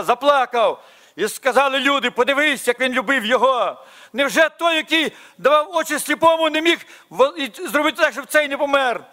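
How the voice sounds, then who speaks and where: A man's voice: extremely high pitch, sharp tone. A man with a Ukrainian accent preaching a Sunday sermon to his congregation, fervent, full of rhetorical questions. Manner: preaching with rising fervor, repetitive rhetorical questions. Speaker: pastor.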